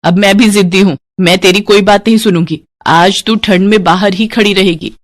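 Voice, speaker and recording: A woman's voice: mid-range voice, fairly even intonation, moderate pace, lightly acted. Cruel, threatening stepmother for a cartoon story, voiced by a woman, harsh and mocking. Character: cruel, scolding stepmother in a village. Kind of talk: animated storybook voice acting.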